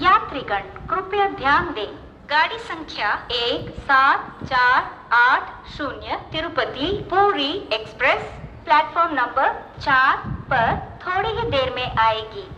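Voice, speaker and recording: A woman with an Indian accent makes train announcements over a station PA loudspeaker. Her voice is high and bright, and she paces each phrase slowly and evenly. A faint hiss sits under the sound. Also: sing-song, highs cut off. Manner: slow, measured, evenly repeated phrasing. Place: railway station.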